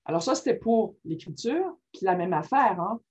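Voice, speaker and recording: A woman's voice: mid-range voice, moderate pace, slightly rough. A woman giving an informal teaching talk, often checking in with her listeners. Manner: checks in constantly with "ok?", lively and informal. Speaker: workshop presenter on reading disorders. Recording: muffled lo-fi recording.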